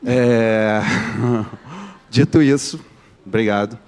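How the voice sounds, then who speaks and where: A male teacher with a Carioca accent leads a live online class, joking with his students and firing questions at them. His voice sits in an ordinary middle pitch. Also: very slow, darkish tone, clear, resonant tone. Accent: Carioca Brazilian Portuguese. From Rio de Janeiro, Brazil. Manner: joking, keeps quizzing the students.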